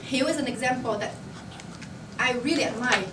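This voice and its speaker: A woman's voice: a little high, normal speed. A young woman giving a motivational speech to her colleagues. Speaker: company employee addressing colleagues. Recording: roomy, noisy recording from far off.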